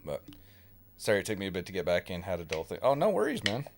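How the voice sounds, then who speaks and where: A man's voice: sits low, wildly swooping pitch, fast talker, creaky. Laid-back joking male streamer. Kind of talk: casual livestream chat.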